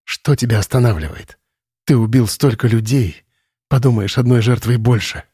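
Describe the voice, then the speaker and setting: A young woman prisoner in an audiobook, speaking in a soft, calm, steady voice, quietly defiant, as a male narrator reads her. She never raises her voice, and the sound is dry and close. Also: mid-range voice, moderate pace, husky, dry recording, close to an everyday voice. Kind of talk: audiobook character reading.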